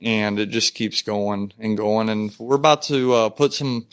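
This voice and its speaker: A man's voice: lowish voice, a little slow, smooth. Plainspoken man, rambling. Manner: relaxed, plainspoken, rambling with fillers. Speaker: land clearing business owner. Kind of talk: casual interview.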